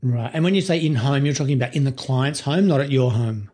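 A man's voice: mid-range voice, brisk, a little mellow. A man, hosting and interviewing in a conversational podcast style.

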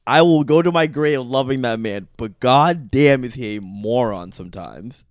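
A man's voice: medium pitch, normal speed, no room sound, clean studio sound. A man co-hosting a casual soccer podcast, telling stories with a laugh. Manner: storytelling, laughing. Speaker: podcast co-host. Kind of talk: casual chat.

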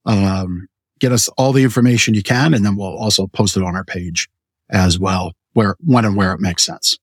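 A man co-hosting a podcast, making relaxed, chatty announcements and asking questions. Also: low voice, normal speed, slightly rough, dry recording. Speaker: podcast co-host. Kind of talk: casual show chat.

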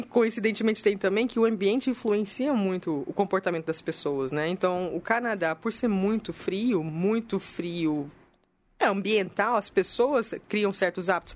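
A woman's voice: medium pitch, normal speed. A Brazilian woman in her thirties, a podcast guest, chatting casually and acting out the things people said to her. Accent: Brazilian Portuguese. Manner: lively storyteller who acts out quoted lines. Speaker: podcast guest, tech recruiter. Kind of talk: casual chat.

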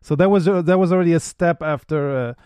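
A man's voice: fairly high pitch, fairly quick, warm tone, clear, resonant tone, no room sound. A man hosting a podcast interview, talking in a casual, hesitant way and often repeating words as he thinks. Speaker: podcast host.

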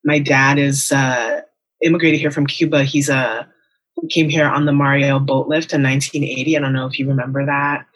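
This young adult woman, a writer and teacher from Las Vegas and Miami in the United States, speaks in a bass voice with a level tone at a moderate pace. In a casual podcast interview she talks candidly and thoughtfully, filling her speech with ums and likes.

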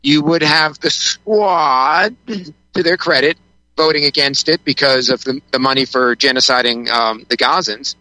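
A man's voice: medium pitch, measured pace, bright, forceful tone, no echo, poor audio. A man giving political commentary as a guest on a talk show, rambling with frequent restarts and fillers.

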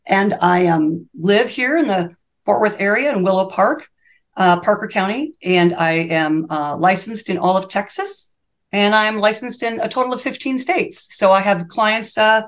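A woman in her sixties, a reverse mortgage specialist, is a guest on an interview show, speaking at a measured pace in a mid-range voice. Her earnest, fervent sentences run on and often restart.

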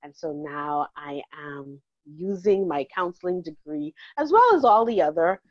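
A Bahamian woman in her forties, a counselor talking warmly and chattily in an interview, laughing easily. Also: fairly low pitch, very animated, measured pace, dry recording, lo-fi sound. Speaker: counselor and guest. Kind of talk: casual interview conversation.

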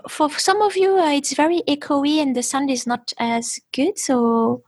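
A woman's voice: high-pitched, steady tone, a little slow, darkish tone. A woman teaching a language class over a video call. She is patient and encouraging and slips into English to explain words. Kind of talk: online class, teaching vocabulary.

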